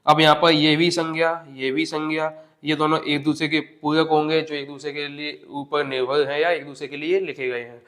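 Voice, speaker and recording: Guy teaching grammar for an exam, kinda high voice, asks then answers his own questions. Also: flat delivery, moderate pace, fairly bright tone. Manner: explains step by step, asks questions then answers them himself. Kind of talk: exam-prep grammar lesson.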